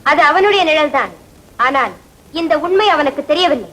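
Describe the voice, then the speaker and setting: A calm storytelling wife. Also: female voice, high voice, normal speed, low-quality recording.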